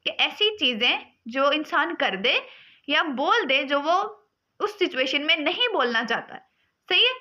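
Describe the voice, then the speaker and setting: A woman teaching English poetry forms, switching between Hindi-Urdu and English and reading English definitions slowly. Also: high voice, bright, forceful tone. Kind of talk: explaining poetry forms in a lesson. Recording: dull lo-fi sound.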